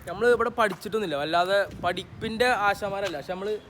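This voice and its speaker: A man's voice: sits high, fairly quick, fairly bright tone, slight background noise. A young man chatting casually to viewers on a vlog, mixing English words into Malayalam. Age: young adult. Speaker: vlogger. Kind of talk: casual walking school-tour vlog.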